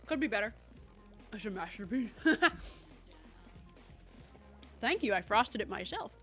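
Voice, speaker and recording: Young woman, bright tense voice, playful livestream chatter, giggly, faint music behind. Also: mid-range voice, lively intonation, unhurried. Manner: playful, giggly, chatting to viewers while eating. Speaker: livestream host. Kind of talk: casual livestream chat.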